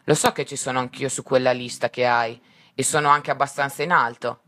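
A man's voice: mid-range voice, steady tone, a little fast, pushed and bright, no echo. A man reading aloud and voicing an old, brave husband who pleads earnestly. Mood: resolute.

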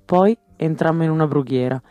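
Male audiobook narrator, slightly high voice, dry close mic, faint music under. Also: brisk, dry recording. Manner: steady storytelling, lifts pitch for shouted quotes. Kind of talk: audiobook reading of a novel.

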